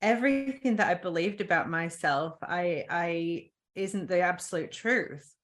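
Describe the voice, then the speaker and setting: A woman's voice: fairly low pitch, measured pace. A woman guest on a podcast, earnestly telling a personal story with frequent ums and restarts.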